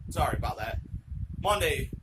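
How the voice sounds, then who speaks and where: A young man, the channel host, telling a true story at home in a rambling, excitable, profane way. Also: mid-range voice, normal speed. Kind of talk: casual spoken storytelling. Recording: loud background noise with clicks.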